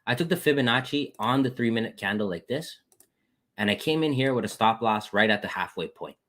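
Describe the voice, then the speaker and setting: A trading educator's slightly bright voice moves a little fast with lively intonation while he shows his trades on a shared screen. Casual throughout, he refers to viewers as "guys", shouts "boom" on wins, and gives thanks to chat members.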